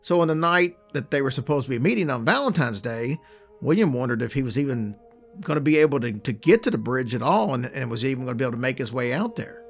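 A man's voice: medium pitch, animated, fast talker, faint music behind. A man co-hosting a podcast, casually telling a ghost story with chatty, joking asides. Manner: chatty, laid-back, jokey asides.

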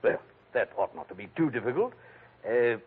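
A pompous, flowery gentleman. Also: mid-range voice, big pitch swings, moderate pace. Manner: florid, mannered, throat-clearing. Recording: tinny old radio broadcast.

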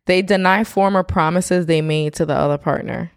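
A woman co-hosting a podcast, chatting in an animated, opinionated way. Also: lowish voice, normal speed, clear, resonant tone, no echo, clean studio sound. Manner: animated, opinionated, laughs often. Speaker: podcast co-host. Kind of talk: casual chat.

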